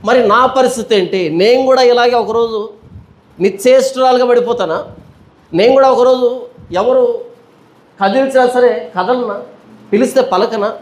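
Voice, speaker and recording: A man's voice: very high-pitched, moderate pace, long pauses, reverberant, voice pushed up. A man preacher voicing a grieving first woman who asks anxious, pleading questions about her own death. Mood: fearful.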